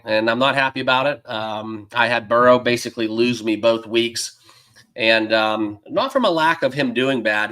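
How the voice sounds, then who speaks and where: A man running a sports betting livestream in his dedicated home studio rambles casually, packing in fillers and calling out viewers by name. His medium-pitched voice is bright and forceful, though slightly hoarse as it starts to give out.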